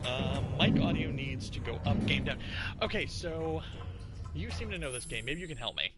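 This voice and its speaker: A man's voice: a little high, expressive, moderate pace. A man doing casual live game-stream commentary, chatting and thinking aloud as he plays. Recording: music behind the voice. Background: music.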